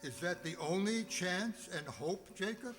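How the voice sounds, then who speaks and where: A man playing a frightened, crotchety old miser in a radio play, stammering and fretting in a halting, theatrical way. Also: high voice, expressive, fairly bright tone. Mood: nervous, reluctant. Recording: long reverb with music behind.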